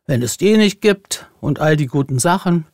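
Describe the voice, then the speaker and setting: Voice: medium pitch, lively intonation, moderate pace, a little mellow, dry recording, clean studio sound, lightly acted. A narrator voicing a big, food-loving bear with a grumbling voice. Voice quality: growling, grumbling.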